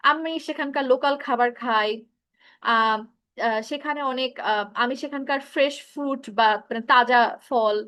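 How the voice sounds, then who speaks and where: A woman's voice: high voice, bright, forceful tone, dry recording. A woman with a Bangladeshi accent teaching an online English speaking class, giving feedback and mixing Bengali with English. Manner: instructive, mixes Bengali and English.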